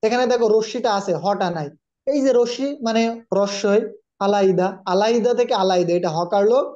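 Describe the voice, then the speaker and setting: A man's voice: high-pitched, brisk, darkish tone, muffled recording. A man with a Bangladeshi Bengali accent teaching an online exam-prep grammar class, who explains patiently and calls on students by name.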